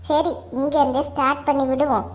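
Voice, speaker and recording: A woman voicing an indignant, gossiping village neighbour in a cartoon, speaking with a Kanyakumari Tamil accent in a quick, complaining, sing-song way. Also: high voice, flat delivery, close to an everyday voice. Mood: scheming. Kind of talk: cartoon voice acting.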